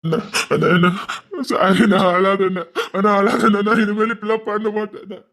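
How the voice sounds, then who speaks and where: An actor playing a tearful, remorseful brother, sobbing and stammering in a Tirunelveli Tamil accent, in a web-series family drama. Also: male voice, sits high, fairly quick. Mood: grieving.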